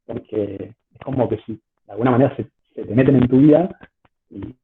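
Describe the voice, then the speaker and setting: With a breathy edge to his mid-range voice, the Argentine statistics lecturer speaks at normal speed. He teaches informally online, hesitating and repeating words while explaining, and the choppy, phone-like connection adds faint noise and clicks.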